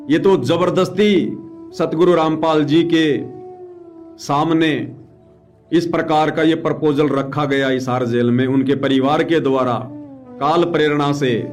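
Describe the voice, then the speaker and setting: A man's voice: a little high, a little slow, darkish tone, soft background music. A man giving live religious commentary, urgent and emphatic, repeating phrases for stress. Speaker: devotional live streamer.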